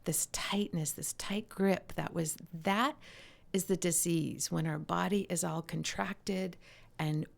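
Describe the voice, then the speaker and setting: A middle-aged woman, a mother of a grown daughter, talking in a soft, passionate way that often drops to a near whisper. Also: lowish voice, fairly even intonation, slow pace, creaky. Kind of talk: casual conversation.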